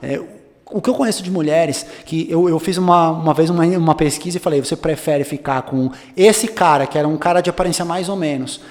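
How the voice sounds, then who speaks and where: A young man with a slightly high voice gives advice in a loose, coaching style, filled with fillers and restarts. A long studio reverb trails behind his words, and the mood is a relaxed podcast chat.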